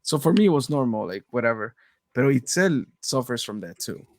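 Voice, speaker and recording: A man's voice: medium pitch, brisk, slight background noise. A young man co-hosting a podcast, chatting casually and slipping Spanish phrases into his English. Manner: relaxed, mixes Spanish into English. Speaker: podcast co-host. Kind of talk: casual chat.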